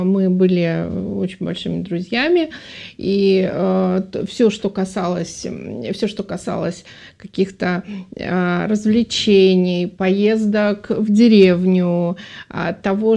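A woman's voice: mid-range voice, creaky, a little mellow. A woman speaking as an expert guest on a live radio talk show in a studio, thoughtful and hesitant with many filler sounds.

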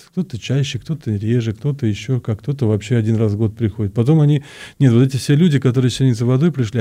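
A priest with a dark, mid-range voice answers interview questions conversationally, often repeating words and searching for how to phrase things.

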